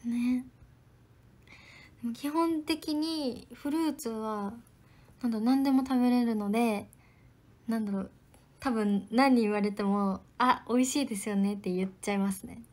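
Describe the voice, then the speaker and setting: A young woman, an idol trainee, chatting politely on a livestream and answering viewer comments, often dropping into soft whispered asides. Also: a little high, steady tone, measured pace, pauses often.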